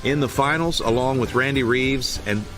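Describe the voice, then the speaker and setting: A man giving playful, mock-serious play-by-play commentary, hyping small moments with deadpan drama. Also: mid-range voice, moderate pace, music in the background.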